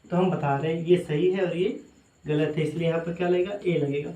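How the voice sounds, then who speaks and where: Man, teacher, repetitive questioning, warm dark tone, roomy echo. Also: fairly high pitch, steady tone, a little fast. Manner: asks questions and answers them himself, repeats often. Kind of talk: classroom lecture. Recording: echoey room.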